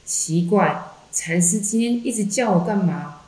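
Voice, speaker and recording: Earnest pious layman, raised pitch, roomy echo; woman reads him. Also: animated, unhurried, a little mellow, close to an everyday voice. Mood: impatient. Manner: earnest, a bit impatient. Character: devout middle-aged male lay Buddhist, earnest. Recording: echoey room.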